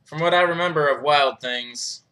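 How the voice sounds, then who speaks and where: A man's voice: a little high, moderate pace, bright, forceful tone. A young man hosting a live question-and-answer stream, chatting casually, reading viewer comments and laughing often. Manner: laid-back, chuckles often, reads chat aloud.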